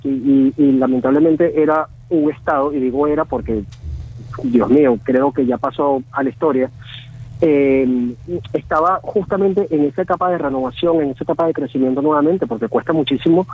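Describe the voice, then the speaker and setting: A man in his thirties with a Venezuelan Spanish accent, calling in over a tinny phone line that thins his voice to a narrow band. His tone is husky, and he talks haltingly, with many fillers and restarts. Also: fairly high pitch. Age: 30s. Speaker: phone guest. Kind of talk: phone interview.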